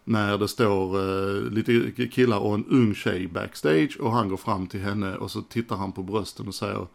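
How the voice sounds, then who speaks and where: A man's voice: on the low side, vocal fry. A man giving casual, frank commentary as a music collector, swearing casually as he talks through old footage.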